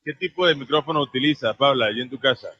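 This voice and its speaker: A man's voice: medium pitch, quick pace, pushed and bright, husky, dry recording, dull audio. A man hosting a radio interview, asking long, wordy questions full of fillers. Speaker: radio show host.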